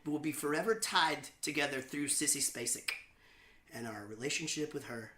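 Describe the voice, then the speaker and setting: A man hosting his own show, chatting and telling rambling, self-mocking stories between songs with deadpan jokes. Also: fairly high pitch. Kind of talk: casual banter between songs. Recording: roomy echo with faint guitar.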